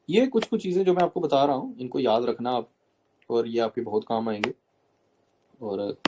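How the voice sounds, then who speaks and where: A man's voice: mid-range voice, dark tone, a little hiss or hum. A man coaching students for a job interview, explaining step by step, mixing English terms into Hindi and often checking in with "okay?".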